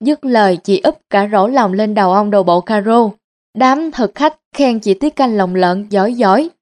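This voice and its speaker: A middle-aged woman, reading a story aloud in a lively, colloquial manner. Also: medium pitch, normal speed.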